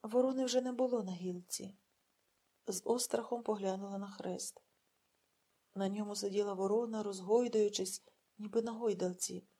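A woman narrating a literary audiobook in a measured, dramatic storytelling manner. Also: medium pitch, steady tone, dark tone, slightly rough.

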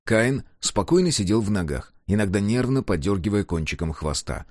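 A man narrating an action audiobook in the first person, steady and dramatic. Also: lowish voice, moderate pace, dry recording, studio quality.

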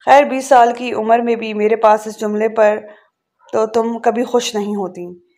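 A woman reading the lines of a terse middle-aged husband who teases his wife in a dry, quiet way. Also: a little high, fairly even intonation, natural voice. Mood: teasing.

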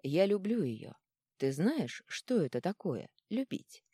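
An earnest, resolute young man, voiced by a woman reading the story, steady and sincere as he pleads and defies. The tone is mellow and close, with a lively lift. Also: fairly low pitch, slow pace, slightly rough, dry recording, exaggerated voice. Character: young man standing up to his father, resolute.

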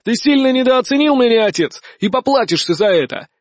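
A man voicing an arrogant young male usurper prince who shouts loudly and brashly. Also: extremely high pitch, animated, fairly quick, dry recording, clean studio sound, voice pushed up. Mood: defiant.

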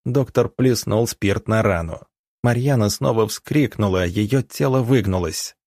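A male audiobook narrator with a lowish voice, reading in a steady, even way. The recording is dry and close, with no room sound. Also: unhurried, no echo. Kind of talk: scripted narration.

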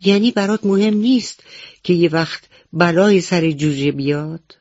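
A woman voicing a kind long-tailed dog in a children's radio story, talking gently and pleading. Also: on the low side, no room sound, lo-fi sound. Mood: coaxing.

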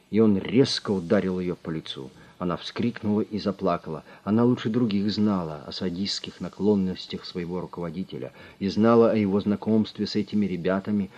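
A man narrating an audiobook in an even, measured reading, on a slightly muffled recording. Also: sits low. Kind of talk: scripted narration.

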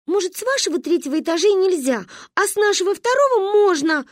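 A woman voicing a bold, stubborn little girl who squeals and wails loudly in an audiobook story. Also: extremely high pitch, very animated, unhurried, dry recording, clean studio sound, pitched above the performer's own voice, heavily acted. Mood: boastful. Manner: squealing, wailing.

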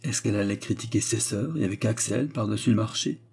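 Mellow husky man narrating. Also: lowish voice, brisk. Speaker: audiobook narrator. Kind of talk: scripted narration.

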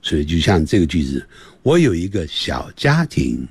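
A man teaching English on the radio, explaining grammar and drilling pronunciation with slow, repeated words in a playful, lively manner. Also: sits low, gravelly, slightly rough, no room sound.

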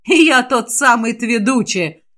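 A woman's voice: on the high side, lively intonation, slow pace, bright, forceful tone, full character voice. A woman reading an audiobook voices a triumphant young male death mage who taunts mockingly. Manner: mocking, laughing.

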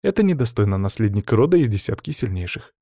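A man's voice: fairly low pitch, sing-song, fast, dark tone, no echo, studio quality. A man voicing a teasing older sister. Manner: teasing, mocking. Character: young woman, mocking older sister.

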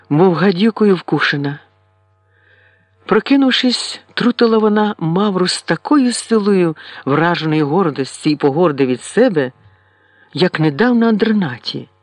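Male audiobook narrator, unhurried and expressive, slightly high voice. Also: no echo. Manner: measured, expressive reading. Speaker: audiobook reader. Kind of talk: scripted narration of a classic novel.

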